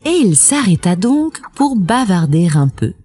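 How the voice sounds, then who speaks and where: A woman reading a children's storybook aloud, expressive and unhurried. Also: medium pitch.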